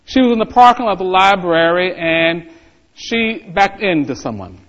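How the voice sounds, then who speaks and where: Impassioned high-voiced preacher in echoing hall. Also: male voice, lively intonation, moderate pace, a bit bright. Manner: impassioned, building to fervent emphasis. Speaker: pastor. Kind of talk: sermon. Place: church sanctuary. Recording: reverberant hall, dull lo-fi sound.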